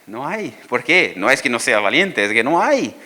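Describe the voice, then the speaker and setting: A man's voice: mid-range voice, big pitch swings, normal speed, sharp tone. A man preaching a sermon to a church congregation, asking the listeners questions and reading scripture aloud with rising intensity. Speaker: pastor.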